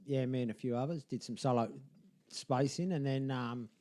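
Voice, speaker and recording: A man's voice: medium pitch, moderate pace, dark tone. Laid-back Australian man in his forties. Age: 40s. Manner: laid-back, self-deprecating. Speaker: podcast guest. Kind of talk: casual chat over beers.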